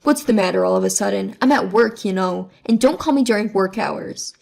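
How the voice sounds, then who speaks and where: A woman's voice: mid-range voice, a little fast, creaky, darkish tone, voice pushed down. A woman voicing an annoyed young husband who grumbles at his wife in a narrated story. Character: irritated husband, young adult man.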